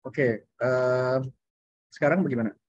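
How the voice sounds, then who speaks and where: A man's voice: medium pitch, unhurried, dry recording. Young man, hesitant candidate, choppy glitching call audio, dull and dry. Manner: hesitant, with many fillers. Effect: choppy, breaking-up video call audio. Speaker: candidate answering a panel. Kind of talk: answering questions in an online hearing. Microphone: video call.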